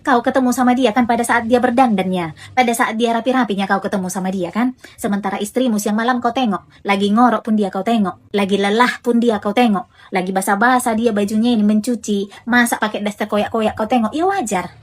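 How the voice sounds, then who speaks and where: A blunt, preachy mother with a Medan accent and a fairly high voice, played by a woman. She hammers her points home, repeating phrases over and over as she lectures her grown son, in a comedic family skit. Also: fairly even intonation, brisk, close to an everyday voice. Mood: lecturing. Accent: Medan Indonesian. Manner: scolding, preachy, repeats herself for emphasis.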